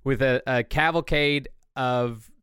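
A man's voice: medium pitch, slow pace, fairly bright tone, smooth, no echo, studio quality. A man hosting a podcast, explaining things at length in a casual, enthusiastic way. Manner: long-winded enthusiastic explaining. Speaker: podcast host. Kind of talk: casual chat.

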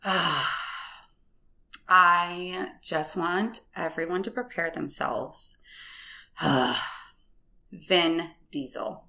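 A woman's voice: fairly low pitch, steady tone, drawn-out words, pauses often, sharp tone. Giggly rambling woman podcast host. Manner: candid, giggly, rambling with many "like"s. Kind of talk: casual chat.

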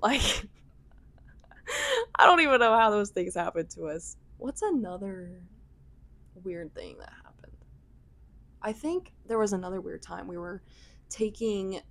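A woman's voice: medium pitch, unhurried, creaky, a bit bright. A young American woman telling a travel story in casual vlog style, peppered with "like" and laughing asides. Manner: chatty, filler-heavy with frequent "like", laughing asides. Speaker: vlogger.

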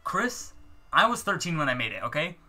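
Very bright-voiced young man rambling. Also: fairly high pitch, sing-song, a little fast, soft background music. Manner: rambling storyteller, filler-heavy, self-mocking. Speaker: co-host. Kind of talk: casual chat.

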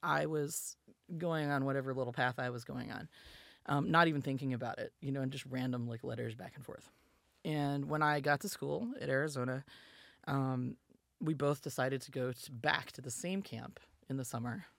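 A woman's voice: extremely low pitch, fairly even intonation, moderate pace, creaky, no echo, studio quality. A woman from Alabama, a musician and podcast guest, telling her story in a chatty, filler-heavy way and acting out quotes. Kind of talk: casual storytelling interview.

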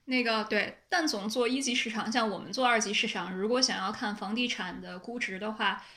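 A woman's voice: medium pitch, brisk, sharp tone. A woman with a Beijing accent chatting casually as a podcast host.

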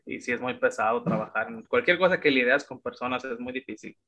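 A man in his thirties with a Mexican accent, a guest telling his story in a relaxed, chatty way with plenty of fillers. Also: mid-range voice, fairly quick, dull audio. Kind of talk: casual interview chat.

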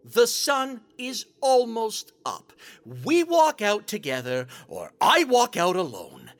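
A man playing a sarcastic, self-serving rogue supervillain in an audio drama, with a dramatic, drawn-out delivery. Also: very high voice, very animated, full character voice. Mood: defiant. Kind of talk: theatrical audio drama acting.

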